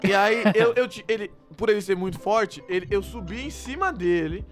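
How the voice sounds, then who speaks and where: A man's voice: sits high, moderate pace, faint music behind. A young man with a Brazilian Portuguese accent telling a story in casual, slangy talk. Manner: lively, slangy, acts out quoted people.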